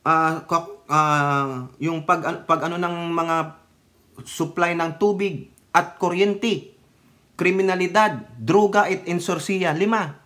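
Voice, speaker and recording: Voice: mid-range voice, steady tone, takes it slowly, fairly bright tone. A middle-aged commentator from the Philippines, talking politics in a fiery, casual way and firing off rhetorical questions.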